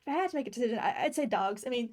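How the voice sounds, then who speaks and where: A woman's voice: a little high, expressive, rapid-fire, a little mellow. A woman playing her character in a tabletop game, speaking politely and hesitantly with stammered restarts. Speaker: player. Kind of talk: in-character tabletop role-play.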